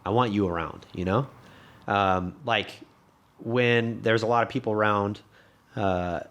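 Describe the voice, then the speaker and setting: A man's voice: fairly low pitch, a little slow, a bit bright, smooth. A young man with a slight lisp, a podcast guest talking casually and rambling, with lots of swearing and restarts. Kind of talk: casual conversation.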